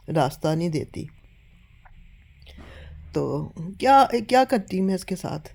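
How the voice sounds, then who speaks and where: A woman's voice: low voice, gravelly, dark tone. An older woman telling a story at home to a phone camera, earnest and a little weak from illness, often urging listeners to believe her. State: weak and unwell. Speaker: home vlogger.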